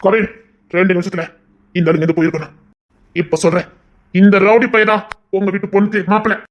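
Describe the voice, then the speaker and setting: A man's voice: high-pitched, fairly even intonation, fast, natural voice. A man voicing a domineering young man from a gangster family who insists on marrying a girl. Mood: commanding. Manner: commanding, insistent. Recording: dull lo-fi audio.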